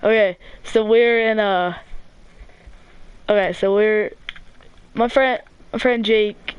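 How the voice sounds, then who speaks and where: A woman's voice: mid-range voice, steady tone, slow pace, clear, resonant tone, lo-fi sound. A teenage girl hosting a gaming channel, telling a story in a rambling, casual way full of "like", restarts and swearing.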